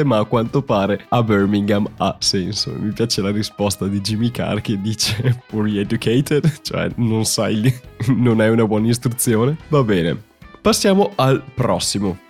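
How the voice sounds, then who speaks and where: A man's voice: lowish voice, darkish tone. A young man from Italy hosting a podcast, explaining in a chatty way and laughing at himself now and then. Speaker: podcast host. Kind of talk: casual podcast monologue.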